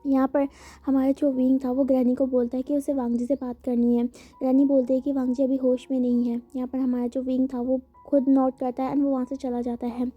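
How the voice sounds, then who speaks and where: A woman's voice: high-pitched, level tone, brisk, muffled recording. A woman casually retelling a story, chatty and full of fillers, mixing in English words.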